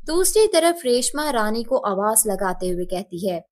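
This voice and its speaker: A woman narrates a children's cartoon story in a steady, expressive storytelling manner. Her voice sits a bit higher than most women's. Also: a little slow.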